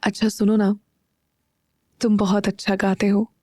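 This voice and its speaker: A woman's voice: mid-range voice, little pitch movement, measured pace, a little mellow, dry recording, clean studio sound, natural voice. Woman voicing a flustered, playful young wife. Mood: coy. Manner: teasing, flustered.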